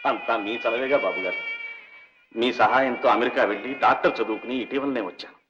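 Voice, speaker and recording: A man's voice: mid-range voice, fast, fairly bright tone, lightly acted. An actor playing an earnest, respectful young doctor devoted to his old benefactor, speaking in a deferential, emotional way in an old film scene. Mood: devoted pleading. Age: young adult. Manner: earnest, deferential, cries out in anguish. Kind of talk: 1950s Telugu film acting. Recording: dull old film soundtrack with reverb and music.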